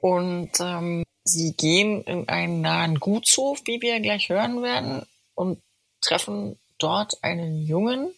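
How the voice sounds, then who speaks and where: A woman's voice: fairly low pitch, takes it slowly, vocal fry, a bit bright, dry recording. A woman hosting, casually explaining a fairy-tale story before a reading, with fillers along the way. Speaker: host introducing a reading. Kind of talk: casual spoken introduction.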